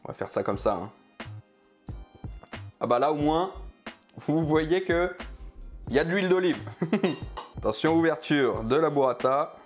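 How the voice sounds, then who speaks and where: A man's voice: on the high side, lively intonation, measured pace, long pauses, soft background music. A man reviewing pizzas for his food vlog, chatting casually and joking while he eats. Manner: chatty, jokey, eating while talking. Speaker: food vlogger.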